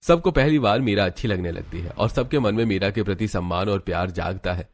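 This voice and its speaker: A man narrating a cartoon story in a steady, plain storytelling manner. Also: on the low side, brisk.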